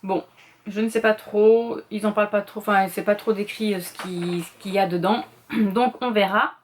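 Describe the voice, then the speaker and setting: A woman's voice: medium pitch, steady tone, slight background noise. A middle-aged woman presenting her reading list in a casual, rambling chat, full of fillers and self-corrections. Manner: quick talker, admits speaking too fast.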